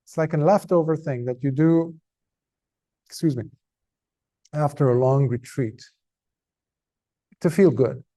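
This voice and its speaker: A Buddhist monk gives a Dhamma talk to a group, earnest and conversational yet tired, stressing words emphatically and pausing often. His voice runs somewhat high and mellow.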